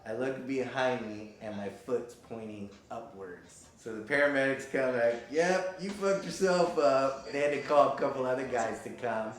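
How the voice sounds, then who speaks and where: A man's voice: medium pitch, fairly even intonation, normal speed, few pauses. A man in his fifties, a pro skateboarder telling injury stories in an interview, laid-back and casual, swearing here and there. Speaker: professional skateboarder. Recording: very echoey room.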